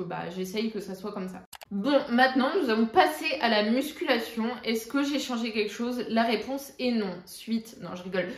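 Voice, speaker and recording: Speaking on the high side in an echoey room, a young woman chats through her fitness routine in a casual vlog. She addresses her viewers directly and leans heavily on filler words.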